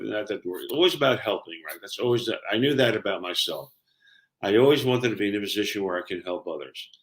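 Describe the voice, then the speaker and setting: A man's voice: lowish voice, fairly bright tone. An older man with a Brooklyn, New York accent, explaining and telling personal stories conversationally as a career coach, emphatic and often checking in with the listener.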